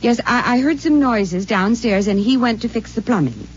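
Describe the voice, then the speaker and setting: Woman voicing a gentle timid wife, lively pitch, dull 1950s radio sound. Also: normal speed, lightly acted. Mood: affectionate. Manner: sweet, gentle. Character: trusting affectionate young wife, timid. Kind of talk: 1950s radio drama acting. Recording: dull 1950s radio broadcast with faint hum.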